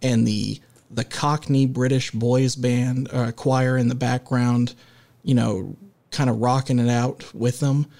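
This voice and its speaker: A man co-hosting a casual music podcast, leading the talk in a halting way with many filler sounds and restarts. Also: mid-range voice, level tone, gravelly, darkish tone. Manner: leads the discussion and segues. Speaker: podcast co-host.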